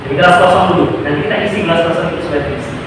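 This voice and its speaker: A man's voice: fairly high pitch, rapid-fire. A male school counselor leading a group counseling session, patiently explaining and checking that everyone understands. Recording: echoey room from far off, noisy.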